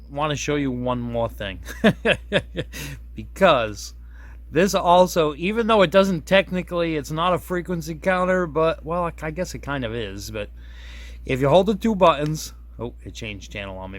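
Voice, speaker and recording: This man's fairly high, slightly bright voice carries a casual, unscripted hands-on demo of a radio. As a product reviewer, he comes across folksy and self-deprecating, rambling often and correcting himself as he goes.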